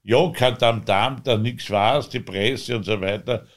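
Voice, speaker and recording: A man with an Austrian accent, the interviewee, telling his own story in a rambling, halting way with loose dialect grammar. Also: medium pitch. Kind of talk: conversational storytelling.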